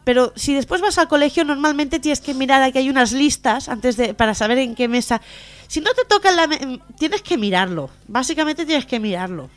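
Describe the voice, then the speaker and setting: A woman co-hosting a radio comedy show, telling jokes in a lively way and acting out the voices. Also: high-pitched, a little fast.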